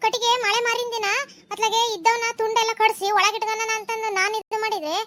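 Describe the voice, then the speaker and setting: Woman doing a shrill scolding village wife. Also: level tone, a little fast, music in the background. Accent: North Karnataka Kannada. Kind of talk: cartoon voice acting.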